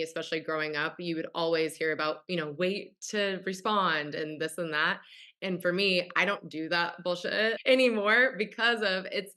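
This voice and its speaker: A woman's voice: lowish voice, pushed and bright. A woman hosting a casual podcast interview, frank and conversational, laughing easily. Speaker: podcast host.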